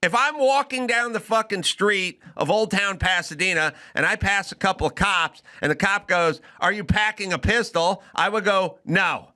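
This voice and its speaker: Bright, forceful man ranting. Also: sits high, normal speed, hardly any pauses. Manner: argumentative, acts out both sides of imagined exchanges. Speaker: podcast host. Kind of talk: opinionated comedic rant.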